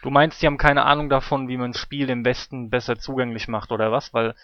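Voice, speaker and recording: A man's voice: mid-range voice, level tone, quick pace, dry recording, lo-fi sound. A man co-hosting a casual gaming podcast who chimes in and asks questions back. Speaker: podcast co-host.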